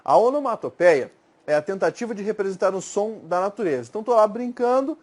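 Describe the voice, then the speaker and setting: A man with a fairly high voice teaches Portuguese grammar in a Brazilian accent, in the manner of an exam-prep video lecture. He works through examples step by step, stretches out the words he is showing, and keeps asking the class if they follow. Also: animated, fairly quick, darkish tone. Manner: explains step by step, checking in with frequent "tá?" and "certo?"; slangy and informal at times.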